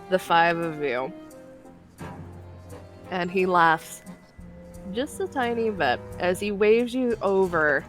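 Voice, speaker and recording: A woman narrating a tabletop role-playing game as game master in a casual, halting way. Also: medium pitch.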